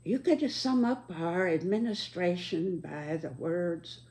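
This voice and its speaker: An American woman in her nineties giving a reflective monologue in a measured, deliberate, halting elderly way. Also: on the low side, lively intonation, darkish tone. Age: 90s, very old. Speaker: speaker giving personal reflections.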